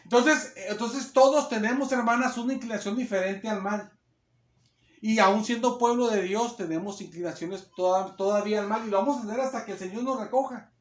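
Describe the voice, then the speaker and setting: A man's voice: sits high, fairly quick. A man preaching a sermon, emphatic and repetitive, often checking in with his listeners, recorded on a phone in a church hall. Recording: echoey room on a phone.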